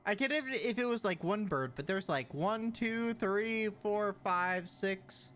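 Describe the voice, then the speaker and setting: A man streaming a video game, commenting live to chat in an excitable way and repeating words in bursts. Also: high-pitched, a little slow.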